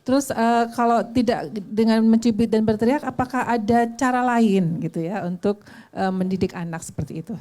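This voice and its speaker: A woman moderates a discussion, reading out questions and passing them to the panel. She hesitates often and fills the gaps, her voice fairly high. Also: normal speed, warm tone. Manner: hesitant, many fillers.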